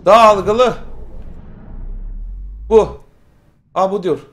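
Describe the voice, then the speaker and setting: A man from Turkey giving casual, crude, excitable commentary over a game he is playing, often shouting at it. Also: on the high side, moderate pace. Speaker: gamer streaming a playthrough. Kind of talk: casual Let's Play commentary. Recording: game music playing underneath.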